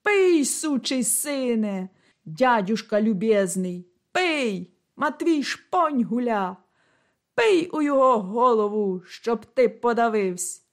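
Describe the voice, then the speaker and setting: A woman voicing a drunk young man reveling at a fair, shouting toasts and orders in a boisterous way. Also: on the high side, animated, slow. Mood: rowdy.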